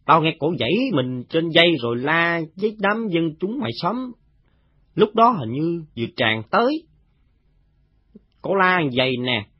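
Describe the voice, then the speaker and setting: A man's voice: a little high, sing-song, a little slow, no echo. A man voicing a coarse, chatty soldier. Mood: boastful recounting. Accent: Southern Vietnamese. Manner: rough, chatty storytelling with swings in loudness. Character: gossiping rank-and-file male soldier, coarse and boastful. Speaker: voice actor in an audio drama. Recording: dull, dry lo-fi recording.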